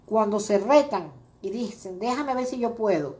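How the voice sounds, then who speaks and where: A woman's voice: mid-range voice, animated, normal speed, darkish tone. A middle-aged woman hosting a crafting video, chatting casually and rambling with many fillers as she greets viewers by name. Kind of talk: casual crafting livestream chat.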